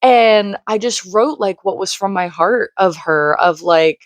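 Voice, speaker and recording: Speaking at a measured pace in a mid-range voice, a late-twenties woman vlogs from a home room by a shared wall. She's earnest and rambling, saying "like" constantly, and her voice is a bit crackly from screaming. There's no room sound.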